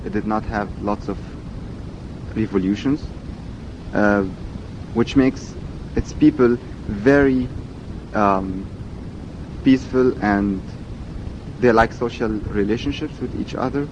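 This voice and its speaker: Speaking slowly and with long pauses, this Egyptian man in his twenties reads a fixed passage for a dialect archive before describing himself, using many fillers and repetitions. Arabic is his native language and his accent is Egyptian. Loud rumble sits behind the dull recording.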